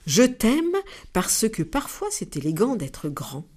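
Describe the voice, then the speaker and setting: A woman voicing a gentle loving dove in a storybook reading, soft and kind. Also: medium pitch, very animated, slow. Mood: tender.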